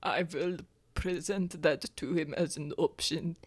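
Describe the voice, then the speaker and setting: A woman's voice: low-pitched, steady tone, unhurried, breathy edge. A woman playing a tabletop role-play game, improvising casually and hesitantly as she describes her character.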